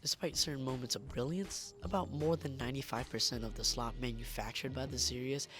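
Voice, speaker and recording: Guy doing scripted narration, voice hoarse and giving out, clear music in the background. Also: mid-range voice, steady tone, a little fast. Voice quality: strained, worn voice giving out. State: hoarse, losing his voice. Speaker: video essay narrator. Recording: music behind the voice.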